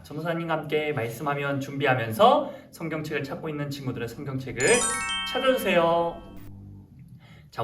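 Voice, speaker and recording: A young man, a junior pastor, leading a lively sermon for kindergarten children, coaxing and animated. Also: a little high. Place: church room. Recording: roomy and distant.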